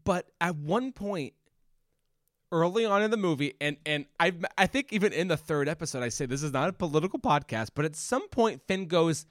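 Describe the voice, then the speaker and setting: A man's voice: fairly high pitch, fairly quick, no echo, studio quality. A man co-hosting a podcast, chatting casually about a movie and restarting his sentences often. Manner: rambling, restarts often, animated. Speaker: podcast co-host. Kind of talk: casual movie review chat.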